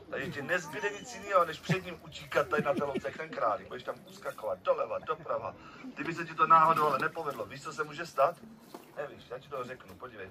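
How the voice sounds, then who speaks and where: A man's voice: fairly high pitch, pushed and bright. A man at an outdoor falconry show, teasing and bossing a volunteer from the audience in a playful way. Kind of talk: joking audience participation. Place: outdoor field at a bird show. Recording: crowd noise behind.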